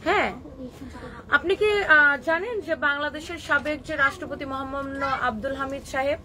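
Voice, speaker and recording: A clothing shop owner from Bangladesh hosts a live stream, scolding viewer comments in Bengali with a Kishoreganj accent and mixing in English words. Her voice sits high, pushed and bright, at a normal speed.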